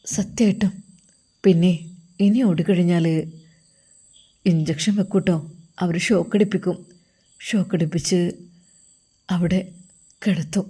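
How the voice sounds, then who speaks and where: A woman putting on a tender young man in a spoken storybook, pitched lower than her own voice and kept quiet and mellow. He coaxes and reassures in a soft, patient murmur. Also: fairly even intonation, unhurried, long pauses, breathy edge. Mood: soft coaxing. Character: gentle young male caretaker soothing a girl.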